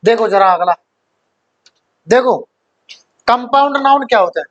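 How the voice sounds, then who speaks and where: A man's voice: extremely high pitch, expressive, a little slow, a bit bright, highs cut off. A man teaching a grammar class who quizzes his students, repeats key points, and mixes English terms into his explanations. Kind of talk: classroom lecture.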